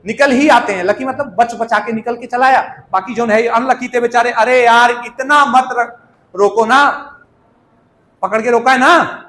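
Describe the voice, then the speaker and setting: A man's voice: very high-pitched, fairly bright tone, roomy sound. A male chemistry teacher, lecturing playfully and quizzing students with everyday examples. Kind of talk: classroom lecture.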